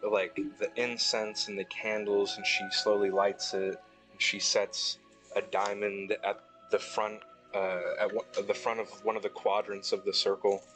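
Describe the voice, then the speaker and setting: A man narrating as game master of a tabletop game, describing scenes slowly with fillers, music playing behind. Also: fairly low pitch, flat delivery, low-quality recording. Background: background music.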